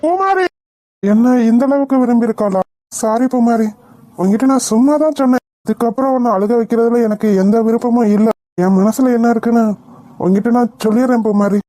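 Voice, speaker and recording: Cartoon village man, voiced by a woman, playful, blunt, brusque teasing, mellow dark tone, dry close sound. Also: on the high side, fairly quick, no echo, close to an everyday voice. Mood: apologetic. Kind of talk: cartoon voice acting.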